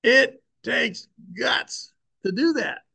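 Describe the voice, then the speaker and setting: A man's voice: very high-pitched, expressive, drawn-out words, gravelly, bright, forceful tone, slightly rough. An older man speaking earnestly and with emphasis, preaching and sharing a personal testimony with his listeners.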